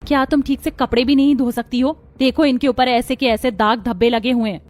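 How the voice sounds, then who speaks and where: A woman's voice: high-pitched, fairly even intonation, fairly quick, darkish tone, natural voice. A woman voicing a spiteful, nagging young sister-in-law in a cartoon story.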